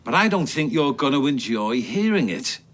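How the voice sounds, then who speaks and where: A man's voice: deep voice, lively intonation, moderate pace, a bit bright, breathy edge, exaggerated voice. An actor playing an evasive, menacing man, dismissive and needling, in a TV soap. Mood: menacing, escalating rant. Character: evasive, menacing man cornered by a questioning girl. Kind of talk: naturalistic TV soap acting.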